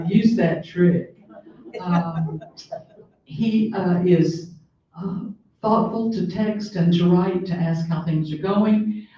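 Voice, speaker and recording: An older woman giving a talk as a guest speaker, telling personal stories with many fillers and restarts. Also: low voice. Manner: warm storytelling with frequent fillers and restarts. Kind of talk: library talk, personal reminiscence. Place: library meeting room. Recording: very echoey room, distant mic, dull sound.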